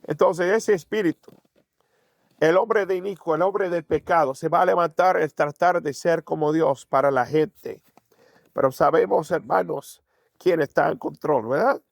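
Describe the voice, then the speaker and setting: A pastor preaches to his congregation in a fairly high, creaky voice, unhurried, repeatedly posing rhetorical questions and answering them himself. The recording is dry and close, with no room sound.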